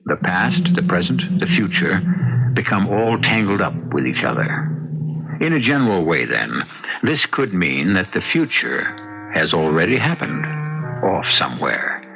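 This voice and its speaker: A man hosting old radio drama with deliberate, theatrical scripted narration and dramatic pauses. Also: low voice, vocal fry. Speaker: host and narrator. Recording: dull old radio recording over music.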